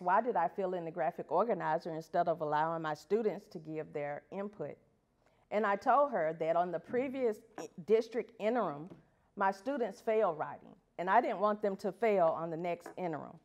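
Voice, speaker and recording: A woman's voice: lowish voice, lively intonation, moderate pace, a little mellow, lo-fi sound. Earnest woman teacher giving a talk. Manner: earnest, uses rhetorical questions to the audience; reads from prepared pages. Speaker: elementary school teacher. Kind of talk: prepared talk at an education event.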